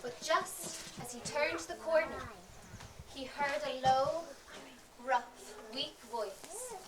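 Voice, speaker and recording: A woman telling a fairy tale in a lively, dramatic storyteller manner. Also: high-pitched, slow pace. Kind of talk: expressive storytelling. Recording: roomy, distant, noisy.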